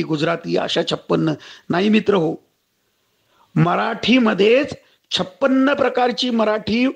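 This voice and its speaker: Gravelly high-voiced male orator. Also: lo-fi sound. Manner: oratorical, addresses audience as friends, recites verses. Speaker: lecturer. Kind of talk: public lecture.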